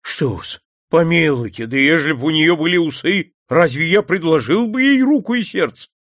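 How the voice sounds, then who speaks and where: A man's voice: fairly high pitch, lively intonation, moderate pace, a bit bright, no echo, studio quality. A man voicing a bashful young groom who mumbles hesitantly. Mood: indignant.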